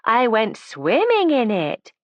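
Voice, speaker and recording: A woman's voice: a little high, moderate pace, dry recording, dull audio, pitched above the performer's own voice, close to an everyday voice. A woman playing a defiant, sarcastic young woman. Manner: sarcastic, combative. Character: defiant resentful young woman making a false confession. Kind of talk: audiobook character voice.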